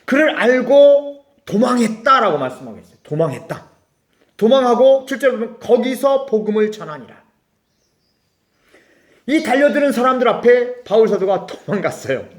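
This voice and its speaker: A man's voice: very high-pitched, very animated, moderate pace, reverberant. A middle-aged Korean man preaching a sermon as a pastor, telling a story with acted-out dialogue and laughing asides.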